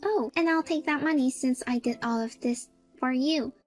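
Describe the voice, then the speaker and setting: A woman's voice: sits high, normal speed, soft background music. A woman voicing an entitled, pushy young sister-in-law who talks smugly and demandingly. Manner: smug, demanding, then pleading. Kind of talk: storybook character voice.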